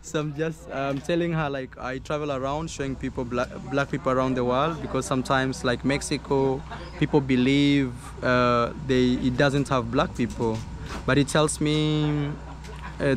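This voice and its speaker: A man in his thirties with a Kenyan accent, chatting casually for a travel vlog in English and halting non-native Spanish. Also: medium pitch, flat delivery. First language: not Spanish; speaks halting, non-native Spanish. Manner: halting, searching for words in Spanish. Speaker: travel vlogger. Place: outdoors at open thatched beach huts. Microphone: handheld action camera at arm's length.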